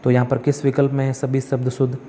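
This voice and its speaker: A man's voice: medium pitch, monotone, quick pace, mellow, long reverb tail, a little hiss or hum. A male tutor walks through exam practice questions, reading each one, correcting the spellings step by step and asking himself questions that he answers.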